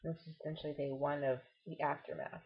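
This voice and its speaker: A woman with a lowish, husky voice talks casually to her viewers, explaining things and offering reassuring advice. Her tongue sounds swollen as she speaks. The recording is dull and muffled, like a lo-fi home video. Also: little pitch movement, fast talker. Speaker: vlogger. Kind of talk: casual personal update to camera.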